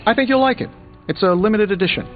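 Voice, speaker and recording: A sarcastic superhero inventor from a video game, voiced by a man, tossing off jittery quips with theatrical flair. His voice sits a bit high and comes through tinny and narrow, over background music. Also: fast, lightly acted. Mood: wry, uneasy. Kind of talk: video game dialogue acting. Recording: tinny band-limited audio, music underneath.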